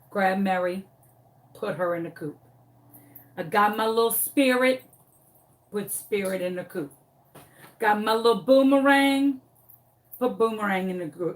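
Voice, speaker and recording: A woman, a craft vlogger dramatically retelling a story with emphatic repeats. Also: medium pitch. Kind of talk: animated storytelling.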